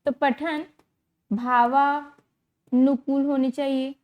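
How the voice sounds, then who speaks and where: A woman teacher giving an exam-prep lecture, repeating key terms slowly and checking understanding with rhetorical questions. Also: high-pitched, level tone, lo-fi sound.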